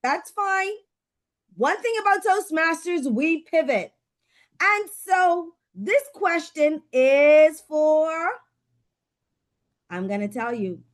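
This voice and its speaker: A woman with a high voice speaks slowly and with care, leading a club meeting over a video call. She sounds upbeat and playful. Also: expressive. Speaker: Table Topics master at a club meeting.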